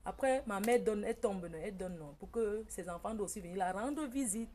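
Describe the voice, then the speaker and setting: A woman from Cameroon speaks, recounting a personal story to her viewers as a casual monologue. Her delivery is emphatic and she acts out what her relatives said, with her voice sitting at an ordinary middle pitch. A faint noise sits under her voice. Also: animated, brisk, mellow. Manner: emphatic, tells the story by quoting family members, often breaks into laughter. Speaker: vlogger.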